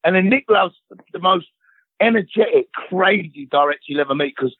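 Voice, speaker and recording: A man's voice: high-pitched, moderate pace, slightly rough, dry recording. A middle-aged man, a guest actor telling stories in a slangy, swearing way and laughing at his own tales. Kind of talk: animated storytelling. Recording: slightly dull lo-fi sound.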